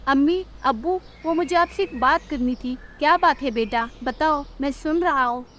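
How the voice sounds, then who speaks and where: A woman's voice: high voice, normal speed, a bit bright, a little hiss or hum. A woman voicing a meek young male crow who placates his wife in a cartoon. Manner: soothing, eager to please.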